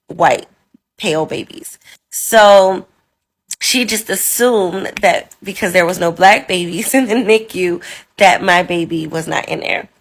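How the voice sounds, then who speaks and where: A mother telling a personal story casually to the camera, acting out the voices of the people in it. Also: lowish voice. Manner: animated, acts out the other people's lines in the story.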